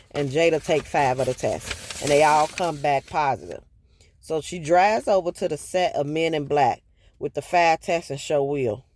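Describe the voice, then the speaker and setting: A man casually retelling a book chapter for his viewers, in a loose, chatty way with asides to the audience. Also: fairly high pitch. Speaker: book review vlogger.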